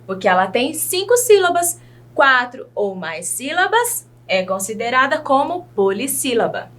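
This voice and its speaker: A Brazilian woman teacher giving a children's video lesson, speaking in a slow, teacherly way and asking the children questions. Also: a little high, fairly bright tone. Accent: Brazilian Portuguese. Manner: slow, sing-song teacherly delivery, asks children questions.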